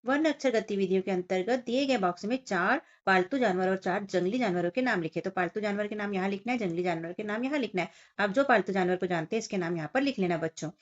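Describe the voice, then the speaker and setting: A woman's voice: medium pitch, quick pace, few pauses. A woman teacher walking young children through a Hindi workbook lesson, explaining each picture and question step by step and speaking to them directly. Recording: dull lo-fi sound.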